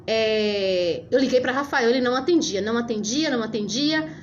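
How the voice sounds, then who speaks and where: A woman's voice: on the high side, fairly quick, highs cut off, a little hiss or hum. A woman giving a fervent religious testimony, speaking straight to her listeners. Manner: fervent, addresses listeners as brothers and dear ones.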